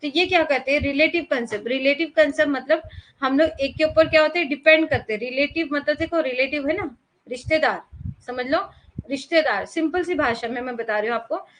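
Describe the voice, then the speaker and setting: A woman's voice: high voice, fairly quick, a bit bright, rough recording. A young woman teacher giving a chatty exam-prep lecture, mixing English terms into her explanations and asking her students questions.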